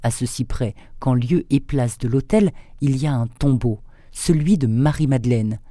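A man presenting and reading a thriller excerpt aloud in a measured, steady narration. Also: medium pitch. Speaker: radio book reader and presenter.

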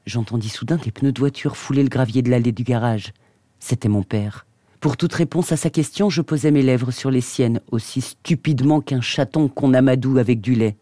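Male radio presenter reading fiction aloud; measured, mellow, dry booth sound. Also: medium pitch, dry recording. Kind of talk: reading a novel excerpt aloud.

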